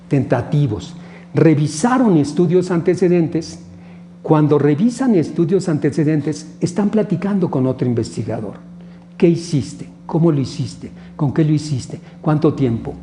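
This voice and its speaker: A man with a Mexican Spanish accent lectures on research methods in a didactic way, often posing questions to the class and answering them himself. His voice sits a little high for a man but sounds very dark and mellow. A faint hiss runs under the recording. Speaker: instructor.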